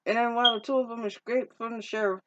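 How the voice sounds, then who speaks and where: A woman's voice: on the high side, fairly even intonation, quick pace, a little hiss or hum. A woman casually recapping a movie's plot in a rambling, informal way, often restarting her sentences and using slang. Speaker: movie reviewer. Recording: dull lo-fi recording.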